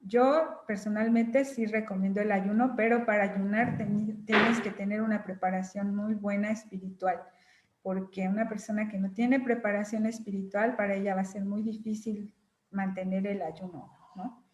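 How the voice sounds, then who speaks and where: A woman teaching a class, calmly giving advice and inviting comments from the group. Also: medium pitch, normal speed, reverberant, lo-fi sound.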